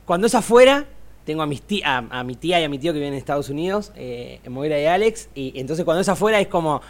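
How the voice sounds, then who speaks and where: A man's voice: fairly high pitch, lively intonation, fast talker. A young man with an Argentine accent, chatting as an interview guest and rambling with many restarts. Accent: Argentine Spanish. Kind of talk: casual interview chat.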